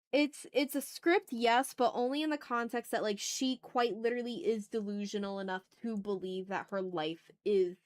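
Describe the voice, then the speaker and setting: An art livestream host with a fairly high, slightly mellow voice chats casually while she draws. She's informal, thinking aloud as she works.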